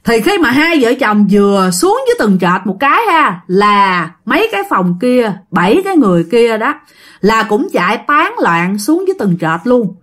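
Lively Southern Vietnamese woman storyteller. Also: a little high, moderate pace. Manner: addresses listeners, imitates knocking sounds. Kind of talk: spoken ghost story.

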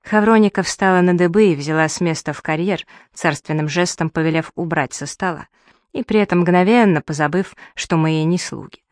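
A woman narrating a novel in the first person, with even, wry storytelling. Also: fairly low pitch, fairly quick, no room sound, studio quality. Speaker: audiobook reader.

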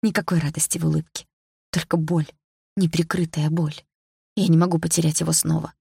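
A woman narrating a first-person audiobook in an even, intimate reading. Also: sits low, brisk, creaky, slightly rough, dry recording, studio quality. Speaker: audiobook reader.

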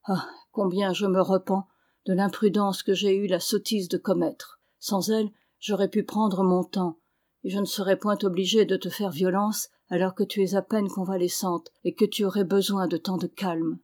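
A woman reading the lines of a seriously ill elderly father who speaks with earnest, measured reasoning. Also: mid-range voice, level tone, darkish tone, natural voice. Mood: grave. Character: ailing elderly father, grave and lucid.

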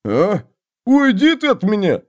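A man voicing a spiteful, half-mad old male shaman who cackles and mutters gibberish curses in a high, strained voice. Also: wildly swooping pitch, a little slow, exaggerated voice. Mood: shrill spiteful. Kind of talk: audiobook character voice.

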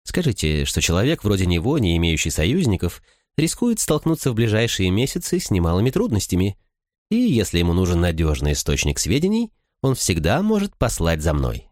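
A man's voice: low-pitched, wildly swooping pitch, a little fast, a little mellow, dry recording, clean studio sound. A man voicing a sly, smug noblewoman who gossips and schemes, talking condescendingly in an audiobook. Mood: chatty. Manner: chattering, condescending.

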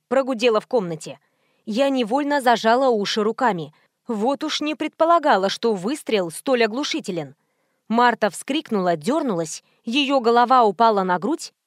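High-voiced woman reading an audiobook. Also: no room sound, clean studio sound. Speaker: audiobook narrator. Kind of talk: first-person novel reading.

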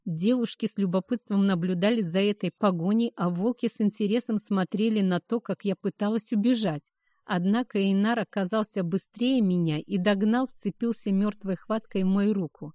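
A woman narrating a first-person story as an audiobook in an even storytelling manner. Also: mid-range voice, moderate pace, no room sound, clean studio sound.

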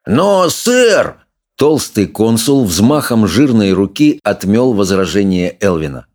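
A man narrating an audiobook in an expressive storytelling manner. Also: lowish voice, unhurried. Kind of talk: scripted narration.

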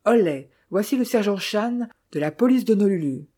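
A woman reading the lines of an impatient young heir with brisk, offhand talk. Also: mid-range voice, animated, warm tone, natural voice.

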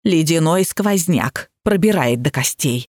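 A bossy, querulous old grandmother forever complaining of the cold, as a woman reading an audiobook puts her on. The voice sits low and gruff, and the reading is dry and close to the mic. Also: expressive, measured pace, darkish tone, dry recording. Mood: grumpy. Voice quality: grumbling, querulous.

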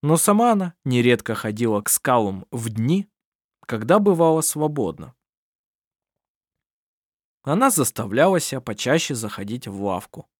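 A man reading a novel aloud as audiobook narrator, in an expressive storytelling manner. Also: medium pitch, normal speed, pauses often, no room sound, clean studio sound. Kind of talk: scripted narration.

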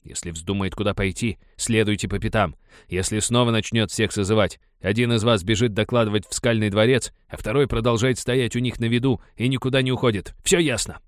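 Guy doing a curt bossy priest, lowish voice, dry. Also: steady tone, brisk, no room sound, natural voice. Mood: commanding. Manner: curt, commanding.

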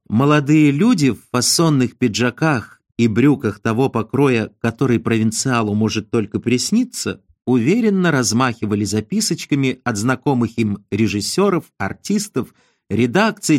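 A male narrator reads an audiobook with expressive, ironic storytelling. His pitch moves about with life over a mid-range voice, and the recording is dry and close. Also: no room sound.

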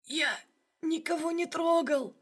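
A woman's voice: very high voice, fairly even intonation, takes it slowly, voice pushed up. A woman voicing a fat, wounded male gangster boss who coughs and begs for his life. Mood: begging. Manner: coughing, pleading, strained.

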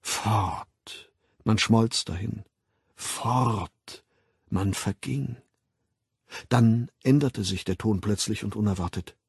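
Husky, slow male audiobook narrator. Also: fairly low pitch, darkish tone, dry recording, clean studio sound. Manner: measured, dramatic reading.

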